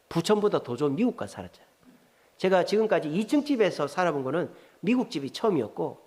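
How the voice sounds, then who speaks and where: Man, middle-aged, Gyeongsang Korean accent, pastor, conversational sermon, lively pitch, long church reverb. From South Korea, Gyeongsang region. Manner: conversational, asks the congregation questions, jokes. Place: church sanctuary.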